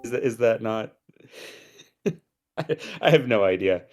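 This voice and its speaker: A man giving relaxed, analytical commentary on a card game with a dry sense of humor. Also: lowish voice, measured pace, muffled recording, soft background music.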